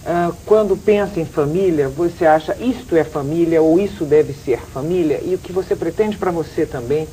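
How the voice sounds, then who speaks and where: Low-voiced Brazilian woman talk-show host. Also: normal speed, mellow, a little hiss or hum, rough recording. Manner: probing, asks follow-ups one after another. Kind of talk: interview questions.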